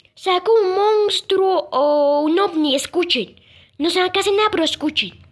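A young girl casually presenting sound clips, pausing often and repeating "listen" and "I mean". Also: very high voice. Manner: halting, repeats "escuchen" and "o sea". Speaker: video creator presenting moon sounds.

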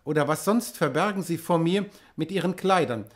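Measured male audiobook narrator. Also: fairly high pitch. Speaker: audiobook reader.

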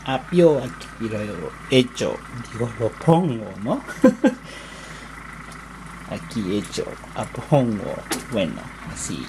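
Man, non-native Spanish, slow and searching for words, home cook, noisy background. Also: medium pitch, huge pitch swings. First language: Japanese. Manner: halting broken Spanish, searching for words and apologizing. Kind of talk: casual cooking demonstration. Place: home kitchen.

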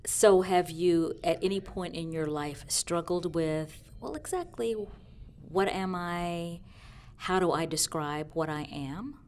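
A woman's voice: lowish voice, takes it slowly. Upbeat woman hosting a podcast panel. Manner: lively, upbeat introductions. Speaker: podcast host. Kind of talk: casual panel talk.

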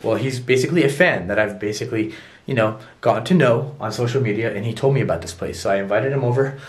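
A man's voice: mid-range voice, fast talker, roomy sound. A man in his thirties chatting casually to a handheld camera as host of an indoor exploration vlog. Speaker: vlogger and urban explorer host. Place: empty abandoned building indoors at night. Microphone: handheld camera at arm's length. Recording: noisy handheld camera audio.

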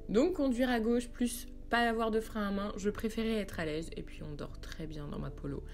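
A woman from France narrates her road-trip travel vlog in a chatty voice-over, informal and confiding, addressing the viewer directly. Her voice is medium-pitched, gravelly and a little mellow, at a moderate pace, with background music behind her.

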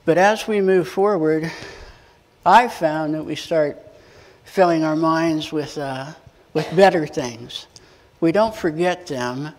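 A man's voice: a little high, takes it slowly. A middle-aged American man preaching, telling a personal story in a folksy way, acting out the dialogue and chuckling as he goes. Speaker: pastor. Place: church sanctuary. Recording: long reverb of a church hall.

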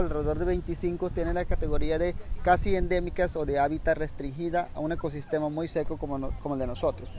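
A man's voice: sits high, darkish tone, slight background noise. A man in his thirties, a local bird guide, giving a formal welcome outdoors under a thatched shelter. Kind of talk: on-camera introduction.

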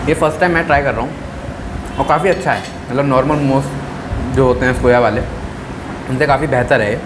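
A man's voice: medium pitch, rapid-fire, noisy background. A young man hosting a casual food review vlog, speaking through a mask in a small cafe. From India. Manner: chatty, switches into English phrases. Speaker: food vlogger.

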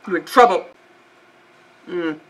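A woman's voice: on the low side, slow pace, breathy edge. A young woman reacting to a movie for the first time, with squealing exclamations and laughing reactions.

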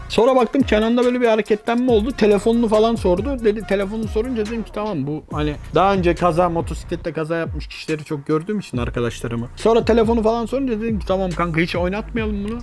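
A man's voice: a little high, a little mellow. A man casually retelling a personal story, chatty and full of fillers, acting out his friends' quoted lines. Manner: acts out friends' quoted dialogue. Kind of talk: casual anecdote telling.

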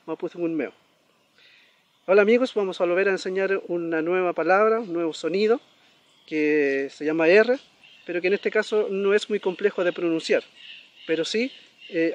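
A man teaching a pronunciation lesson, saying words slowly and repeating them, often checking in with a quick question. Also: high-pitched, lo-fi sound. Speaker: language teacher.

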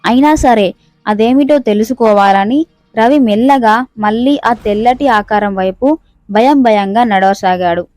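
Woman, horror story narration, steady suspenseful reading, higher voice, dry sound. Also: a little slow, no echo, soft background music.

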